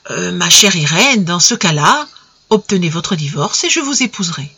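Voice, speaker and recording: A woman's voice: fairly low pitch, animated, normal speed, pushed and bright, slightly rough, no echo, full character voice. A woman reading aloud, voicing a cautious male lover who reasons earnestly with his mistress. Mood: pleading.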